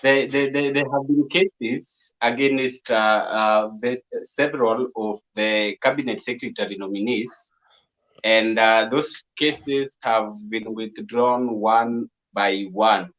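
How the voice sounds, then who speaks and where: A man interviewing over a muffled online call line, halting and repeating words as he asks his questions. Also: mid-range voice, steady tone, fairly bright tone. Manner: halting, repeats words while searching for them. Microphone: video call. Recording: dull lo-fi video call audio.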